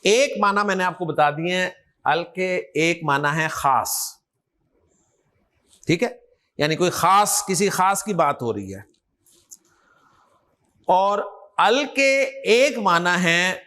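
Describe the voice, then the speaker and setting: High-voiced man teaching a class slowly. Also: animated, a bit bright. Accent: Urdu. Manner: quizzing, call-and-response, coaxing students. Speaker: Quran grammar teacher. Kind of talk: classroom lecture with questions to students.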